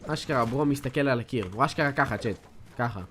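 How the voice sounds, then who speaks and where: A man's voice: medium pitch, a bit bright, a little hiss or hum. An eighteen-year-old man from Israel streaming a game live, boasting and trash-talking to his chat in a hyped, slangy way. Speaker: gaming streamer.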